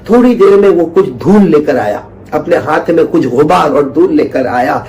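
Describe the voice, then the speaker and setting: A man's voice: fairly high pitch, expressive, a little mellow, slight background noise. A man preaching an earnest religious talk, repeating phrases for emphasis and telling a story. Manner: chants Quranic verse slowly. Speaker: Islamic preacher.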